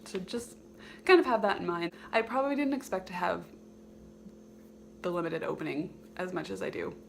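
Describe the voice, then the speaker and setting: A woman's voice: on the low side, moderate pace, vocal fry, slight background noise. A woman vlogger giving informal personal advice, hesitant and thinking aloud as she goes. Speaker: video host sharing personal advice. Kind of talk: informal advice vlog to camera.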